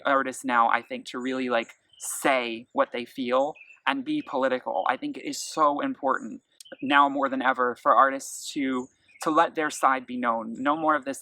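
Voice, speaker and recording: A man's voice: medium pitch, sharp tone, no room sound, poor audio. A man giving a casual, enthusiastic spoken album review, talking freely with many fillers and restarts.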